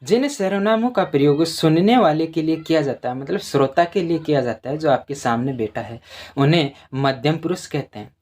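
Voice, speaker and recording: A teacher walking students through a grammar lesson. The voice reads out example words slowly, one after another, and says each example sentence twice so it sinks in. It asks questions and answers them itself. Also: medium pitch, expressive, a little mellow.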